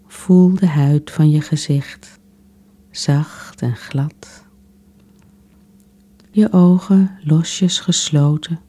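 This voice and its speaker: A woman softly guiding a relaxation exercise in a soothing, unhurried way, with long pauses between phrases. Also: low voice, slightly rough. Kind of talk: guided relaxation meditation.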